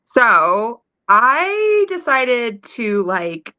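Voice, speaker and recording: A woman co-hosting a podcast, easygoing and quick to giggle. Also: on the high side, big pitch swings, pushed and bright. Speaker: podcast co-host. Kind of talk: casual chat.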